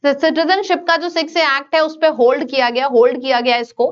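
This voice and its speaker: An Indian-accented woman leads an online vocabulary lesson for exam prep, moving between Hindi and English as she briskly coaxes her students. She speaks high-pitched over lo-fi sound.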